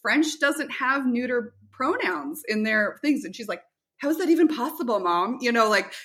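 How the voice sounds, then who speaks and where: This middle-aged woman represents a homeschool curriculum company and appears as a guest, answering interview questions in a chatty, casual way. Her voice sits on the high side with lively intonation, a fairly bright tone, and a moderate pace. She often tells anecdotes and quotes dialogue.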